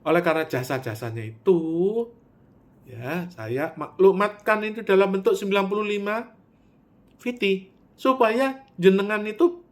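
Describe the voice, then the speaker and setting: Man, slightly high voice, animated monologue with sharp swings in volume. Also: moderate pace. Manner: animated storytelling, with sudden loud pitch jumps and drops to near-mutter; Javanese words mixed in.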